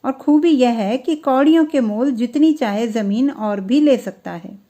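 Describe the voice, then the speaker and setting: Woman storyteller, higher voice, mellow warm tone, steady measured reading. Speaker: story narrator. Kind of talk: storytelling narration.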